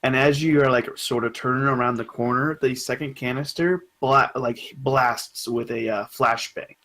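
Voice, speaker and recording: A young man runs a tabletop game in a loose, halting way, full of fillers. His voice sits at a middle pitch. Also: steady tone, fairly bright tone, poor audio. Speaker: game master.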